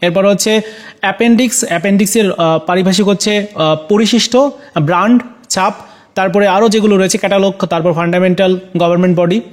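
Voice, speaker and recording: A man teaching, going through exam answers one by one, talking straight to his students, often pausing on fillers. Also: high-pitched, fairly even intonation. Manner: hesitant, many fillers; addresses students directly.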